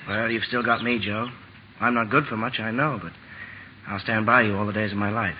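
An actor in a 1940s radio drama playing a devoted, humble, boyish young suitor with an earnest, pleading way. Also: male voice, lowish voice, steady tone, brisk, a little hiss or hum, natural voice. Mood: consoling. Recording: old lo-fi radio recording, music behind.

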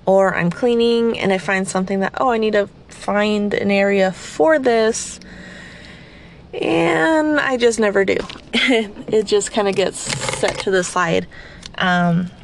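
Sleepy, slightly raspy woman podcaster. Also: medium pitch, unhurried, slight background noise. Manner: chatty and rambling, self-deprecating. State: slightly raspy, just woken up. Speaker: podcast host. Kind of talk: casual guided cleaning session.

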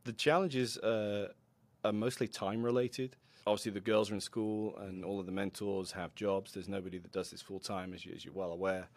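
A man who mentors a robotics team, a podcast guest telling animated, self-deprecating stories with frequent laughter. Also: lowish voice, a little fast. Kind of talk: conversational interview storytelling.

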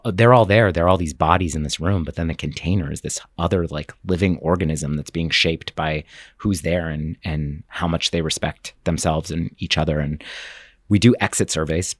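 A man's voice: deep voice, dry recording, studio quality. A man talking earnestly about the camp he founded, rambling with fillers and restarts, choked up at times. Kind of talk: interview clips.

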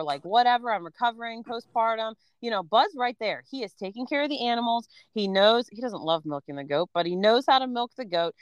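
A woman in her thirties with a clear, resonant mid-range voice co-hosts a podcast as a homeschooling mom, talking frankly and casually with lots of "um" and "you know." There's no room sound, but the audio quality is poor.

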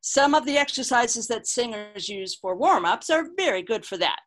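A woman's voice: fairly high pitch, expressive, normal speed, a bit bright. A woman playing a patient vocal coach. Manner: patient, with hesitant "uh" fillers. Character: patient female vocal coach, mildly exasperated. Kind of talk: comedic radio sketch.

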